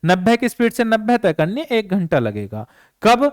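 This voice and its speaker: A male math teacher walks through exam problems step by step, firing off questions and answering them himself. His voice sits high and moves lively up and down. The sound is dry and close, with no room around it. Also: normal speed, dry recording. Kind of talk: exam-prep math lesson.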